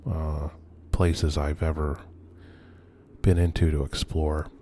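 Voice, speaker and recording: A man with a very low, mellow voice narrates an exploration tour off the cuff. He speaks slowly and haltingly, musing as he goes and often sinking toward a murmur. Faint background noise sits behind him. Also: little pitch movement. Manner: hesitant, halting, musing delivery with trailing phrases. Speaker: video host and urban explorer. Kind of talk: unscripted narrated tour of abandoned houses. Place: on location at night around abandoned row houses. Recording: noisy ambient location recording.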